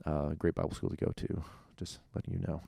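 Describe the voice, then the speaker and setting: A young man co-hosting a casual faith podcast, talking in animated bursts and laughing often. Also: a bass voice, fast talker, gravelly, no echo, studio quality. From Ukraine. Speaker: podcast co-host. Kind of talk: casual chat.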